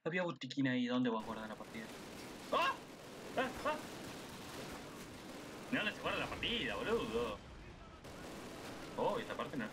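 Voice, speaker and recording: A young man with an Argentine accent giving casual, excitable gameplay commentary, swearing and shouting at the game. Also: medium pitch, a little fast, pauses often. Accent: Argentine Spanish. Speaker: gaming YouTuber. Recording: noisy game audio with gunfire behind.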